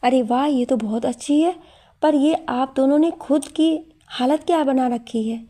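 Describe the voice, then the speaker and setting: Woman voicing a gentle young housewife. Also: high voice, measured pace. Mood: affectionate.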